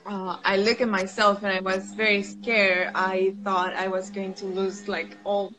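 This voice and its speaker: A young Venezuelan woman, a guest whose first language is Spanish, tells a personal story in careful English, restarting now and then. Her mid-range voice stays level and unhurried. She's on a video call from a room at home, using her laptop mic, with faint outdoor noise in the background.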